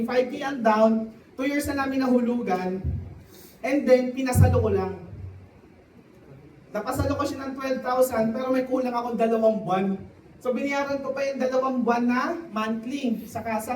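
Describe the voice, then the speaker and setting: A man's voice: very high-pitched, fairly even intonation, a little mellow, distant mic, slight background noise. Man testifying in an echoey hall. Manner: addresses the crowd with quick questions. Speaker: testimonial speaker at a sales event. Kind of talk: motivational testimony to a live audience.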